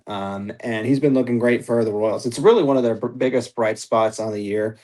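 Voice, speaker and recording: A man's voice: medium pitch, fairly quick, darkish tone. A young man co-hosting a baseball podcast, talking casually with lots of fillers and playfully ribbing his co-host. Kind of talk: casual sports podcast chat.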